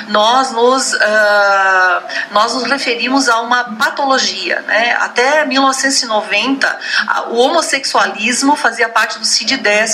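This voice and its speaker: A woman from Brazil, a guest in a radio debate, explaining her points in a measured, lecturing way with frequent tag questions. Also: a little high, bright, forceful tone, rough recording. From Rio Grande do Sul, Brazil. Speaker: invited expert on a radio debate. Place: radio studio.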